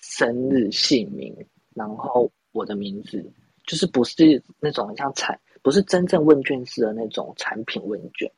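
A man's voice: medium pitch, very animated, normal speed, a little mellow, slightly rough, no room sound, poor audio. A young man from Taiwan, telling a rambling, self-mocking story in a casual podcast chat. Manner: rambling, self-mocking, many restarts and laughs. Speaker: podcast host.

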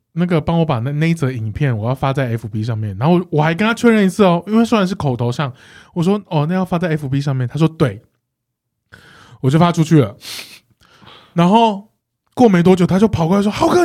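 A man, co-hosting a casual chat and telling a story in an animated way, laughing often. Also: on the high side, brisk. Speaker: podcast co-host.

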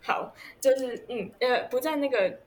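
Chatty young woman interviewing. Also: sits high. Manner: chatty, many fillers and trailing pauses. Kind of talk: casual chat.

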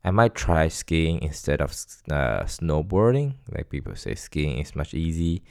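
A young man with a thick foreign accent and non-native English, talking casually and haltingly as he hosts a solo podcast. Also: very deep voice, big pitch swings, creaky, clean tone, no room sound, studio quality. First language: not English. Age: young adult. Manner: halting, searching for words. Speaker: podcast host.

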